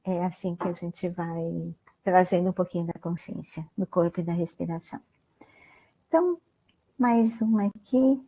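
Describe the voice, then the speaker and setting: Her lowish voice is mellow and husky, and she speaks at a moderate pace. With a Brazilian Portuguese accent, this guest mindfulness lecturer gives a conversational online talk, tagging lines with "né?" and asking listeners questions.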